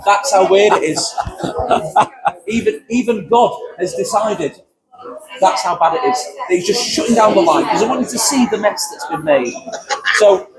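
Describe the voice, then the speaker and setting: A man's voice: high-pitched, a little slow, crowd noise, poor audio. A man hosting a vlog at a trade fair, talking bluntly and joking, with plenty of swearing. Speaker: vlog host interviewing magic dealers. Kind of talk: casual chat.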